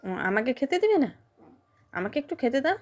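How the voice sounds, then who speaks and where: A woman's voice: high voice, very animated, fairly quick, background noise. A woman, a mother, chatting playfully with her toddler in a home vlog and coaxing him with question after question. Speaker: mother and vlogger. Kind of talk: casual chat with her toddler.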